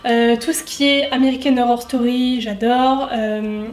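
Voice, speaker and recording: High-voiced chatty young woman, echoey kitchen. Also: level tone, normal speed. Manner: chatty and self-mocking, frequent fillers. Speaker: lifestyle YouTuber. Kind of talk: casual Q&A vlog while cooking. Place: home kitchen.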